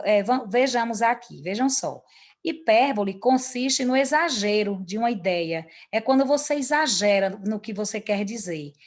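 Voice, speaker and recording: A woman teacher giving an online grammar lesson, with many fillers and restarts and a habit of checking in with her students. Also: mid-range voice.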